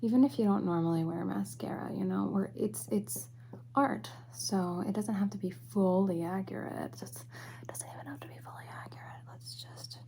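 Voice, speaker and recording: A young woman whispering softly and slowly in a personal-attention ASMR roleplay, close to the microphone. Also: mid-range voice, gravelly. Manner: soft whispering, slow and close. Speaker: ASMR creator. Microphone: close sensitive mic.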